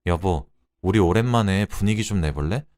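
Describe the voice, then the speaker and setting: A man's voice: sits low, normal speed, a little mellow, lightly acted. A man voicing a worn-down, sulky husband in a radio drama reading, speaking in a subdued mumble. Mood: coaxing.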